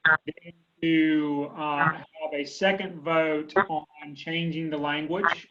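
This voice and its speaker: A man's voice: a little high, little pitch movement, slow pace, bright, forceful tone. Man on a crackly, fading phone line. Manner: hesitant, many fillers. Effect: crackly phone line breaking up. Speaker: meeting chair on a conference call. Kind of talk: conference call discussion.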